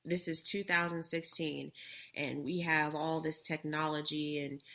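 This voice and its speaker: A woman's voice: low voice, flat delivery, a little slow, sharp tone. A young adult woman co-hosting a casual talk show, earnestly telling a personal story.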